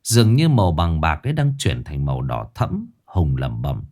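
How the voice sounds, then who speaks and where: A man's voice: a bass voice, huge pitch swings, normal speed, a little mellow. A man narrating a ghost story in a dramatic reading.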